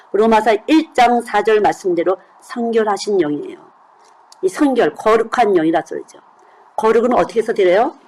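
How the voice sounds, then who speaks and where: A woman's voice: on the high side, a little mellow, poor audio. Woman preaching a chatty sermon. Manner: conversational, asks the congregation questions. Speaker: children's missionary preacher.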